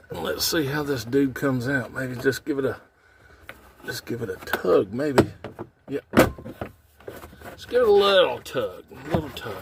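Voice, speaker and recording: Working in and around a truck cab, a man who's a trucker and how-to video host chats through the task in folksy, informal language for a casual tutorial. His mid-range voice comes with slight background noise.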